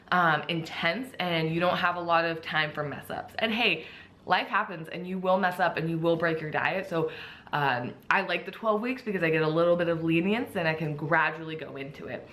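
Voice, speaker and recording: An enthusiastic woman vlogger with a bright, forward voice that sits a little low. She chats casually and eagerly, and her words carry a slight lisp from the clear aligners on her teeth. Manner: upbeat, enthusiastic, chatty. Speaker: vlogger, bikini competitor. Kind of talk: casual vlog talk.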